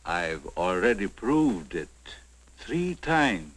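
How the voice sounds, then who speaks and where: An actor playing a sly, aggrieved mad scientist in 1940s horror film style, measured and theatrical with veiled menace. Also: male voice, sits low, very animated, full character voice. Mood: quietly menacing.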